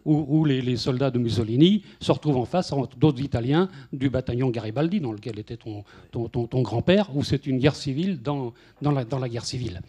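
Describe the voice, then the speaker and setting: A man with a mellow, slightly husky voice moderates a public talk in a university lecture room. He speaks into a handheld mic, laying out long explanations with a few stutter-starts. He is in his fifties. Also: mid-range voice, fairly quick.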